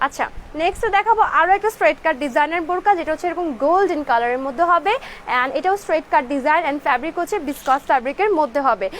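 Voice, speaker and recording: A woman from Bangladesh hosts a live clothing sales stream, repeating product codes and prices and mixing in English words. She is fasting, so her very high voice sounds a little dry in the throat, with slight background noise.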